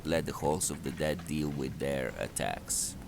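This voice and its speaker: In an unscripted strategy game guide, the narrator speaks in a rumbling low, gravelly voice, unhurried and a bit hesitant as he instructs step by step. Background noise can be heard.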